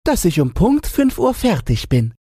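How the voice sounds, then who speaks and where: A man voicing a clever, cheeky little pig in a storybook reading, in a squeaky, high, sing-song falsetto. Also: wildly swooping pitch, moderate pace, mellow, slightly rough, no room sound, clean studio sound, full character voice.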